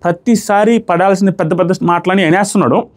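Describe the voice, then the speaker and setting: A man with a high voice talks quickly. He breaks down a reality show in casual commentary, mixing in English phrases as he argues his points. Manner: rapid, analytical, mixes in English phrases.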